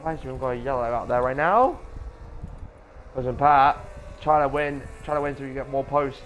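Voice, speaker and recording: A man doing live motor racing commentary as an informal race caller, chatty between moments of action and rising excitedly with it. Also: mid-range voice, normal speed, lo-fi sound. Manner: informal, chatty streamer-like asides. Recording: noisy audio with vehicle sounds.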